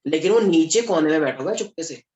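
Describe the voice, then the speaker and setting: A young man from Delhi, India, teaches a class in a chatty, joking style, sprinkling in English terms. His voice is on the high side and darkish in tone, with lively intonation and fast delivery, captured in an echoey classroom.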